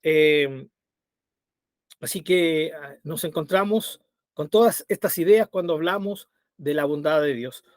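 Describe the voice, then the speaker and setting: A man's voice: a little high, unhurried, no room sound, clean studio sound. A man teaching a Bible study, conversational and often checking in with his listeners. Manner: conversational, checks in with frequent tag questions.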